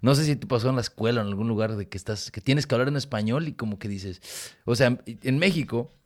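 A man's voice: mid-range voice, fast, darkish tone. A Mexican man hosting a podcast, chatting casually with slang and jokes while telling stories. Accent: Mexican Spanish. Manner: slangy, joking, storytelling. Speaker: podcast host. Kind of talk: casual chat.

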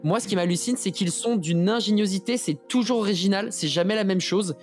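A man's voice: high-pitched, a little fast, faint music behind. Enthusiastic man in casual podcast chat. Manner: enthusiastic, pleading, slangy. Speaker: podcast co-host.

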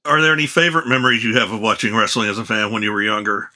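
A man's voice: lowish voice, steady tone, racing, pushed and bright. A man hosting a podcast interview, introducing and asking questions. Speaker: podcast host.

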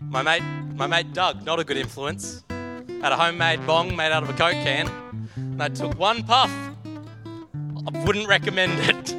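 A man's voice: a little high, moderate pace. A male pastor giving a humorous sermon, telling jokey, self-deprecating stories. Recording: long hall reverb, faint music.

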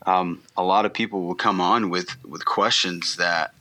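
A man guesting on a podcast, talking in a relaxed, rambling way with many ums and restarts. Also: low voice, moderate pace. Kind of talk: casual interview chat.

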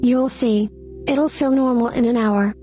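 A woman's voice: fairly high pitch, fairly even intonation, measured pace, warm tone, faint music behind, close to an everyday voice. A young woman playing a playful, teasing young woman who talks in a breezy, coaxing way.

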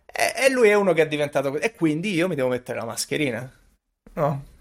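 A man with a fairly high voice co-hosts a casual comedy podcast. His manner is irreverent and conversational. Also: very animated, fast talker. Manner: irreverent, acts out imagined quotes. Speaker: podcast co-host.

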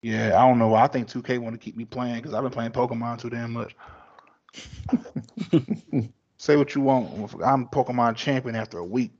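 A man's voice: mid-range voice, fairly even intonation, quick pace, few pauses, darkish tone, dull audio. A man co-hosting a casual podcast, talking bluntly and swearing freely in laid-back banter. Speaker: podcast co-host. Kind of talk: casual chat.

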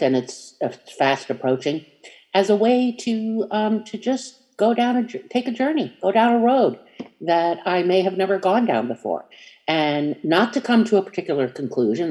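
Gentle and inviting, this medium-pitched minister reflects on spiritual matters, wandering through the talk with frequent hesitations, fillers and false starts.

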